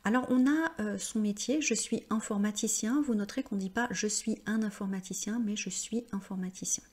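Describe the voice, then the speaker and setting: A woman giving a patient language lesson, explaining step by step and often pausing with hesitations. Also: medium pitch. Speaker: French teacher.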